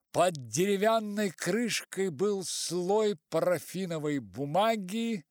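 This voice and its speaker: Male audiobook narrator; unhurried, lively pitch, dry booth sound. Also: dry recording. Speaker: audiobook reader. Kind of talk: scripted narration.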